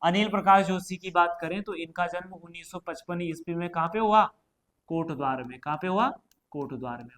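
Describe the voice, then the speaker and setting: A man's voice: high voice, brisk, fairly bright tone. A man teaching an exam prep lesson, quizzing students and repeating each question and answer, chatty and addressing them directly. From Uttarakhand, India.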